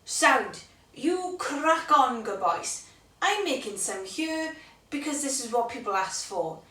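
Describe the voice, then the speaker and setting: A young Welsh woman chats playfully while she cooks and teaches a few words of Welsh. Her voice sits high. It carries the echo of a home kitchen, picked up from a little way off. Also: lively intonation, slow, a bit bright. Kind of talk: casual cooking video. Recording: roomy kitchen, mic at a distance.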